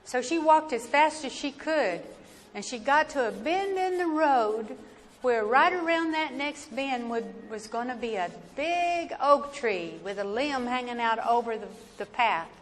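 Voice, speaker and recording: A woman with an Appalachian accent telling a family story aloud in a folksy, dramatic, deliberate way. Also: high voice, animated. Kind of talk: oral family storytelling, live performance. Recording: echoey hall with noticeable background noise.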